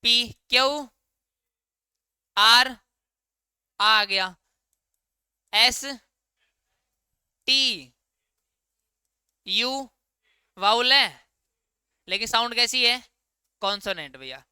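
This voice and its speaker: A male English grammar teacher, very high-pitched and very bright, crisp and clear, draws out his words and pauses often. He fires questions at the class and answers them himself in a casual lecture style, recorded dry and close with no room echo.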